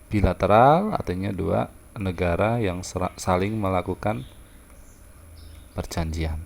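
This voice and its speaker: A man's voice: low voice, gravelly, a little mellow, slight background noise. A man teaching a social studies lesson, explaining terms patiently and repeating himself with fillers. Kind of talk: classroom lecture.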